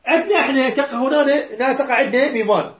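A woman's voice: high-pitched, racing, a little hiss or hum. A woman with an Iraqi accent teaching a Quran class, patiently repeating words and quizzing her students. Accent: Iraqi Arabic. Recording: roomy dull lo-fi recording.

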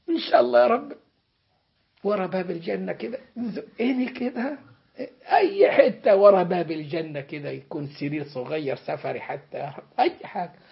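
A man preaching puts on a frantic, pleading soul, voice husky and gravelly, leaping into high sobbing cries. He speaks with an Egyptian accent on a dull, lo-fi recording. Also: exaggerated voice. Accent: Egyptian Arabic. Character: desperate pleading man begging to enter paradise.

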